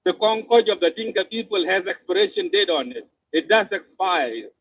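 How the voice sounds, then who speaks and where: A South Sudanese man giving impassioned political commentary, forceful and repetitive, often stumbling over his words. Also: high voice, very animated, normal speed, a little hiss or hum. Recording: tinny phone line, dry.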